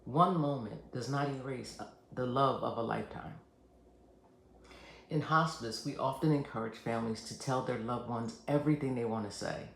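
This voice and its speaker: Man, fry-edged mid-pitched voice, earnest reassuring explainer, scripted delivery, echoey room. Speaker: hospice nurse and channel host. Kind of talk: scripted educational narration to camera. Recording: roomy echo, faint background noise.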